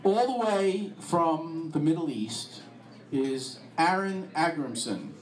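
A man's voice: fairly high pitch, lively intonation, slow pace, a crowd in the background. Joking male host in echoey room. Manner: joking, chatty. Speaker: event host introducing speaker. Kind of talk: casual introduction. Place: dim restaurant event room. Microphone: handheld mic.

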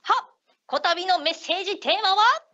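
A polite young ninja retainer, bright and crisp in tone, addresses her master with formal old-fashioned phrasing and an Aichi dialect, as a woman plays her. Her voice sits high and moves a lot. The sound is dull and lo-fi, like a radio broadcast. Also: lively intonation, fairly quick, heavily acted. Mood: cheerful. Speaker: radio co-host. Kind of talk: in-character radio talk in archaic samurai speech.

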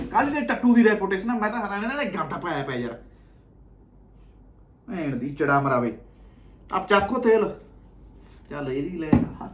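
A man's voice: sits high, background noise. A man with a Punjabi accent giving mocking, abusive reaction commentary on video clips, often laughing. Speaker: comedy reaction creator.

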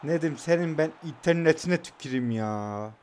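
A man's voice: a little high, animated, moderate pace, darkish tone, slight background noise. A young man casually commentating his own football video game match, calling out passes and trash-talking his opponent.

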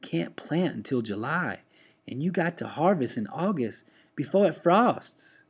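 A man's voice: on the high side, very animated, a little slow, slightly rough, pitched above the performer's own voice, exaggerated voice. A man reading aloud, voicing an elderly aunt who speaks in an earnest storytelling tone. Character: old woman, an elderly aunt.

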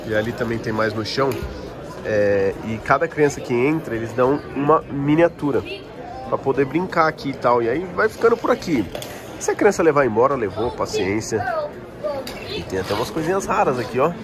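Walking through a crowded toy convention, this vlogger and toy collector, a Brazilian man with a Brazilian Portuguese accent, gives casual, slangy commentary. His mid-range voice is expressive and brisk. Convention crowd noise and chatter surround him as he records on the move.

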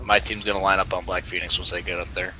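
A man's voice: level tone, fast, bright, forceful tone, poor audio. A man leading a team over casual game voice chat, giving directions in hesitant phrasing. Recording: game voice chat with engine rumble.

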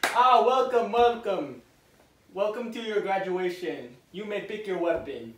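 This is a bossy male Russian tutor, put on by a man in a comedy skit, barking broken English and tacking "okay?" onto his orders. His voice sits high and strained, pushed well above the speaker's normal pitch. A steady hiss of noise runs under the home recording. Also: unhurried.

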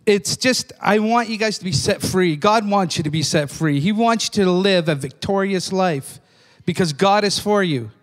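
With a high voice at normal speed, an older man gives a fervent church sermon and keeps calling out "amen?" to the congregation. The recording carries the long reverb of a church hall.

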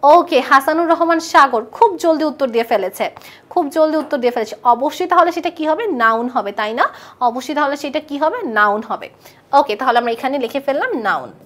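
High-voiced woman teaching live. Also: expressive, a bit bright. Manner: questions students and repeats answers; reads English test sentences slowly. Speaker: English teacher. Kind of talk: live online lesson.

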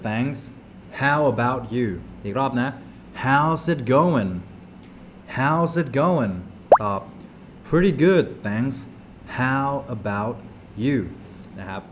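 A man teaching a language lesson, explaining in an upbeat, chatty way with many polite particles. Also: medium pitch. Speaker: English teacher. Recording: clear background noise.

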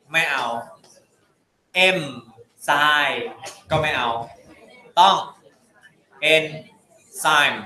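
A man's voice: mid-range voice, pushed and bright. A man giving a biochemistry class lecture in a playful way, repeating words to drill pronunciation. He is recorded in a room from some distance. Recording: echoey room, voice from away from the mic.

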